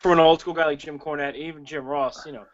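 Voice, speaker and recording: A man's voice: on the high side, fairly even intonation, fast talker, lo-fi sound. A man co-hosting a podcast in casual chat, rambling and swearing with frequent restarts. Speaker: podcast co-host.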